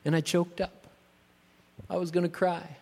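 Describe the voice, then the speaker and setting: A middle-aged man, a pastor, preaching a sermon in a church, slow and emphatic, building on repeated rhetorical questions. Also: high-pitched, little pitch movement, gravelly, darkish tone. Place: church sanctuary. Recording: long church-hall reverb.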